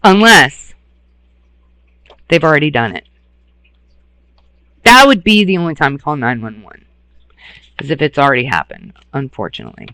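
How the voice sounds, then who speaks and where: A man's voice: on the high side, sing-song, normal speed, long pauses, sharp tone, no echo, rough recording. A man hosting a radio talk, speaking bluntly and passionately, swearing freely and close to tears. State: near tears. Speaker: radio host. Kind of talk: emotional monologue.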